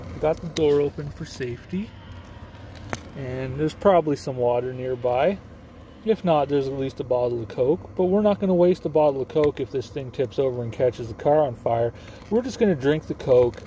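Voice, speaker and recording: With his phone propped or held nearby, a young vlogger cooks on a camp stove in a parked car, tossing out rambling jokes about himself in a loose, how-to style. He speaks at a medium pitch with a warm tone. The recording is low quality, with slight background noise from the sizzling stove.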